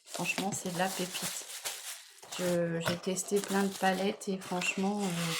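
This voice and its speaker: A woman in casual vlog chat, enthusiastically presenting gifts to her viewers, repeating words and filling pauses as she goes. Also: on the low side, level tone, very noisy. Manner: chatty, enthusiastic, many fillers and repeated words. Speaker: beauty vlogger. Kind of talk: casual unboxing chat to camera.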